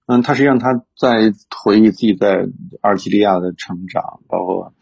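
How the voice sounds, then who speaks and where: A man's voice: fairly low pitch, moderate pace, gravelly, darkish tone, husky. A man talking reflectively in casual conversation, with many fillers and restarts. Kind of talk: casual conversational discussion about books. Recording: dull lo-fi sound.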